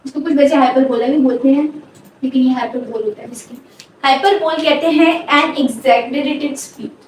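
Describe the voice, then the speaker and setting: A high-pitched woman teaches grammar, stopping often to check she is understood. Her voice comes from well away from the mic, in a very echoey room, with a faint hum behind it. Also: steady tone, a little slow, recorded from a distance. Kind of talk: grammar lecture.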